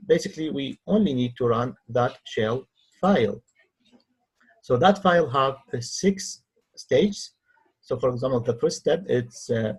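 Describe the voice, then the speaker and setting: A researcher narrates a screen-recorded tutorial for his own software, speaking English as a second language. His husky, medium-pitched voice is halting, with non-native phrasing and hesitant pauses.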